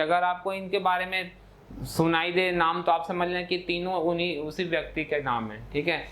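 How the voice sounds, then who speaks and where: High-voiced male math teacher lecturing. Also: a bit bright, a little hiss or hum. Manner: explanatory, repeats "ठीक है" often, mixes English terms in. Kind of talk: classroom lecture.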